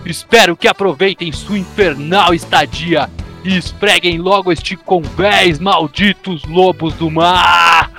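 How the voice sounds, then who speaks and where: A man voicing a blustering pirate captain who opens a pirate radio broadcast, loud and gruff, heard from a distance. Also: high voice, slow, soft background music, voice pushed up, heavily acted. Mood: boisterous. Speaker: podcast host.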